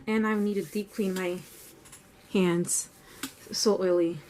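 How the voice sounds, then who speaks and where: A woman's voice: mid-range voice, steady tone, slow pace, very noisy. A woman vlogging as she paints, chatting casually and thinking aloud in a rambling way. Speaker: art vlogger. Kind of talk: casual narration while painting.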